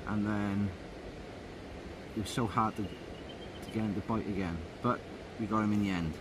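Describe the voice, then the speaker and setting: A man in his thirties with a lowish voice, chatting in a relaxed, rambling way with plenty of ums. He films himself at arm's length beside a river, with a faint hum of outdoor sound behind him. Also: moderate pace. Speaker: fishing vlogger. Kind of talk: casual outdoor vlog narration. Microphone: phone or action camera held at arm's length.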